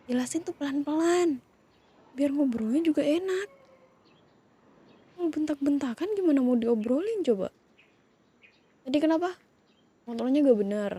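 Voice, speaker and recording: A woman in a whispered role-play, calmly scolding and soothing two siblings who have been fighting. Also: high-pitched, moderate pace, long pauses. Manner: scolding yet soothing, questioning. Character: woman calming partner and his younger sibling fighting. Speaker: ASMR roleplay creator.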